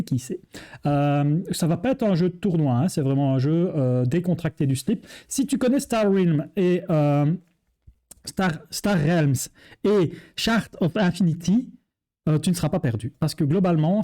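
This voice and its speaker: A man with a Belgian French accent walks through a card game box in a relaxed, jokey manner. His voice sits a little high but sounds warm and mellow, and he talks to the viewer like a friend. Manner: jokey, chatty, addresses viewer as tu. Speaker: board game reviewer. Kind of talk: casual game presentation.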